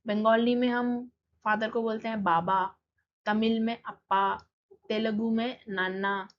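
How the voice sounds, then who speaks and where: A woman teacher with an Indian accent patiently walking students through textbook exercises, reading English lines aloud slowly and explaining them. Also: mid-range voice. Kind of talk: exercise walkthrough lesson. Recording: slightly dull lo-fi recording.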